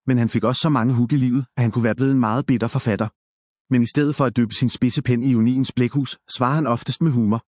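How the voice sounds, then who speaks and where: Man, pastor-like talk, wry storytelling, medium pitch, dry close recording. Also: darkish tone, dry recording. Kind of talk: reflective talk with read-out quotes.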